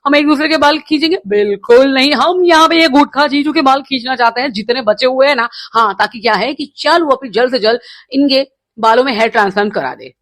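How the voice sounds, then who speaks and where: High-pitched woman, taunting and mocking, dry close sound. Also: fairly quick, fairly bright tone, dry recording. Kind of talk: casual roast commentary.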